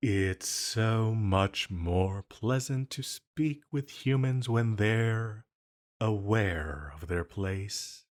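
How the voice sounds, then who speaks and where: In this roleplay audio drama monologue, a man portrays a banished villain of ancient times, flirting in a silky, intimate way with a condescending and menacing charm. His very low voice moves at an unhurried, deliberate pace.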